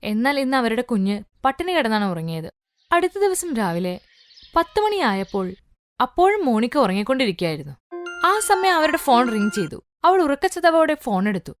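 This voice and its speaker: A woman narrating a cartoon bedtime story in an expressive, scripted way. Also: on the high side, moderate pace, slight background noise.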